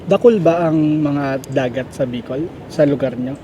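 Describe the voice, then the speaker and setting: A Filipino man co-hosting a casual mukbang chat with short questions. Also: normal speed. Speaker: co-host asking questions. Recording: clearly noisy, rumbly street background.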